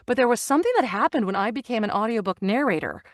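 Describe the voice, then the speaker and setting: Speaking fast and expressively in a slightly high voice, a middle-aged actor and audiobook narrator tells stories as a casual interview guest, acting out each quoted line. The studio-quality recording has no room sound.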